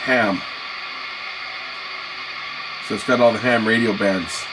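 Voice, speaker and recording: A man speaks slowly in a lowish, steady voice while casually demonstrating a gadget as a product reviewer, musing as he tries out the controls. Radio static and ambience make the recording noisy.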